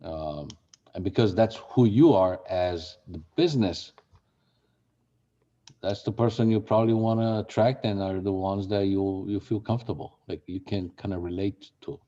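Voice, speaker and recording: A man's voice: sits low, normal speed, dark tone, highs cut off. A man who grew up in Brazil, leading a real estate marketing workshop in a conversational way and asking the group questions. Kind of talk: interactive workshop teaching.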